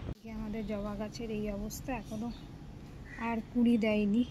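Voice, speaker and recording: A woman's voice: mid-range voice, little pitch movement, moderate pace. Chatty woman vlogging at home. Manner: chatty, narrating her household routine to viewers. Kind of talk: casual home vlog narration. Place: home, garden, balcony and kitchen. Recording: loud background noise from cooking.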